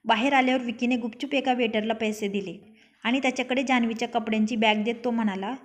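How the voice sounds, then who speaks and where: A woman's voice: on the high side, steady tone, fast. A young woman narrating her own written love story, reading every character's lines herself.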